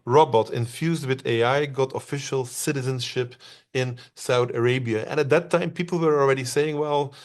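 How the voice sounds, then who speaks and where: A man from Belgium gives an online presentation, talking in a loose conversational way with frequent "uh" pauses and questions put to his audience. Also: medium pitch, fairly even intonation.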